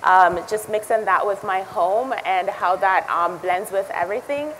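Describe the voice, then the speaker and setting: A woman introduces herself on a panel at an event. Her voice sits in a middle range and she talks earnestly, pausing on fillers. A faint hum of ambience lies under her. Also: medium pitch, a bit bright, rough recording. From Jamaica. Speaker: lifestyle blogger on a panel. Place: event hall.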